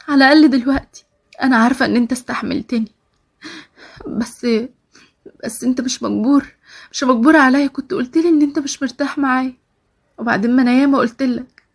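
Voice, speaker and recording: A woman with an Egyptian accent voicing a sick, heartbroken pregnant young wife in an animated story, pleading in a raised, husky voice. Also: high voice, voice pushed up, heavily acted. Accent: Egyptian Arabic. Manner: pleading, tearful.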